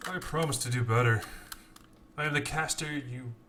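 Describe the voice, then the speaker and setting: At normal speed and with a mid-range voice, a man chats his way through casting an esports tournament on a late-night live stream. He's self-deprecating and apologetic throughout, and clear keyboard typing runs underneath.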